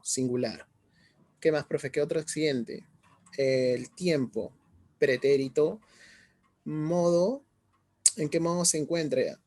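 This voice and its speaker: A man's voice: a little high, a little mellow. A middle-aged male teacher giving an online class, often asking students questions and checking in as he explains. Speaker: language teacher.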